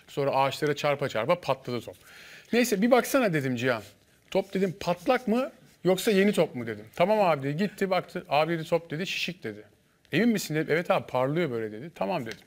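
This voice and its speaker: Fast, fairly high-voiced man guest on a studio panel, animated storyteller. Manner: lively anecdote-telling, acting out dialogue. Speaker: guest, former contestant.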